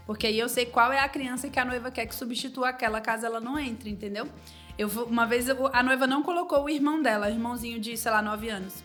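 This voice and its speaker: A young Brazilian woman, a wedding planner, telling anecdotes in a relaxed interview and acting out the dialogue. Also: on the high side. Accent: Brazilian Portuguese. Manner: animated storytelling, acts out quoted dialogue.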